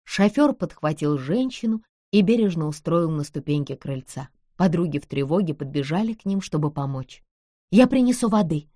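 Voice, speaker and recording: A woman narrating an audiobook in an expressive storytelling manner. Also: low voice, normal speed, hardly any pauses, dry recording. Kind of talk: scripted narration. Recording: dry close studio sound.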